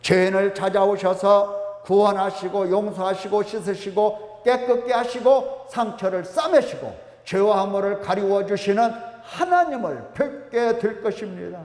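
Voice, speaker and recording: Korean church pastor guy preaching, high voice, big echoey hall, keeps asking the crowd "eh?". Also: measured pace, hardly any pauses, darkish tone. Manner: emphatic, repeats phrases, prompts congregation with "어?" and "예?". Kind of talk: sermon. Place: church sanctuary.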